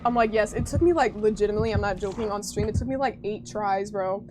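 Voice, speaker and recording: A young woman with an American accent, chatting casually with her stream viewers in an animated, chatty way. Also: medium pitch, fast, a little hiss or hum. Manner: chatty, animated retelling, frequent laughter.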